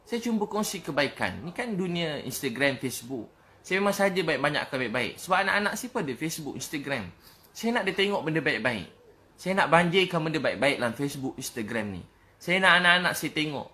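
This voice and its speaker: A man's voice: a little high, lively intonation, fast, pushed and bright. A middle-aged man with a Malaysian Malay accent, preaching emotionally and repetitively, rising into fervent prayer. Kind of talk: emotional religious talk.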